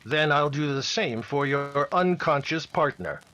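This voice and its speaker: An actor playing an upright, fearless Mountie sergeant in an old-time radio serial, firm and formal. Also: male voice, on the high side, a little slow, bright, forceful tone, a little hiss or hum. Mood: calm, firm.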